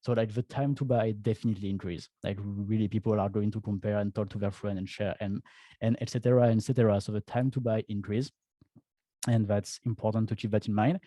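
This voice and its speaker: Man, French accent, low mellow voice, chatty talk with stammered restarts, dry sound. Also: steady tone, a little fast, dry recording. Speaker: e-commerce founder and speaker. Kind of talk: casual presentation.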